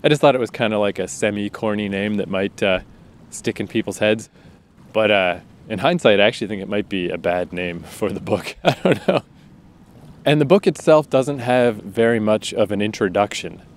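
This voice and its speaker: A man's voice: on the low side, moderate pace, a little hiss or hum. A man in his thirties with a Canadian accent, talking casually and rambling through his own story, with fillers and swearing. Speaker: podcast host and author. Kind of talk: casual spoken introduction.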